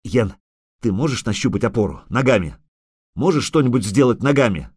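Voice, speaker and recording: A man's voice: medium pitch, animated, fairly quick, a little mellow, husky, no echo, studio quality. A strained, urgent witcher , read by a man. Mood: strained urgency. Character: strained male witcher clinging on, gruff.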